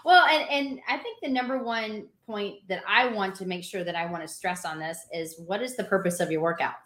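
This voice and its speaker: A woman trainer giving energetic workout advice in a casual chat, laughing often. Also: mid-range voice, fairly quick, roomy sound. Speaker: fitness trainer guest.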